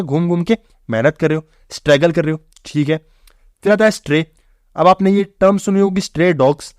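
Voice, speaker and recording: A man's voice: fairly high pitch, a little mellow, no echo, studio quality. A man teaching English vocabulary for exams, explaining memory tricks and often checking in with the viewer. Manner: keeps checking in with "theek hai bhai" and quizzing the viewer; mixes English words into fast classroom Hindi.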